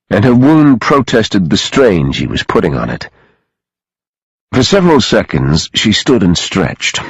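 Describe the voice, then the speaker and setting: A man narrating an audiobook in an expressive, dramatic reading style on a close studio mic. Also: deep voice, slightly rough, no room sound, poor audio.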